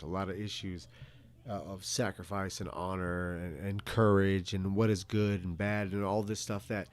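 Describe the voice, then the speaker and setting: A middle-aged man in a casual, rambling monologue as a video host, halting and repeating words, with some casual swearing. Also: lowish voice, darkish tone. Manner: casually foul-mouthed. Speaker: video host answering viewer questions.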